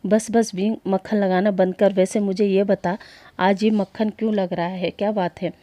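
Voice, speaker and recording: A woman's voice: mid-range voice, level tone, normal speed, warm tone, no room sound, natural voice. A woman playing an easygoing young male friend. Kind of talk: storytelling voice acting.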